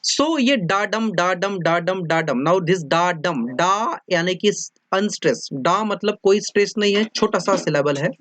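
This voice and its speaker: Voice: mid-range voice, animated, a little slow, few pauses, a bit bright, no room sound. A teacher explaining a lesson in a mix of Hindi and English, often repeating points and checking that students follow. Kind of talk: classroom lecture mixing Hindi and English.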